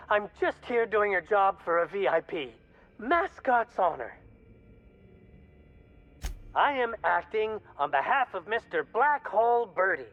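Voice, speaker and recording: An actor playing a flustered, folksy sports mascot who pleads and gushes, in a video game. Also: male voice, high-pitched, muffled recording, exaggerated voice. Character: panicky, folksy male sports mascot turned bumbling errand runner. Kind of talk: video game character acting.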